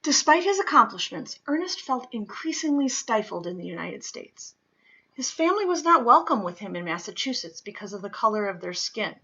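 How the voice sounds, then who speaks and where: Reading a true-story children's picture book aloud, a woman with a fairly high and distinctly bright voice phrases each line with care and stresses key words for young listeners. Her pitch swings widely. The audio sounds a bit dull and lo-fi.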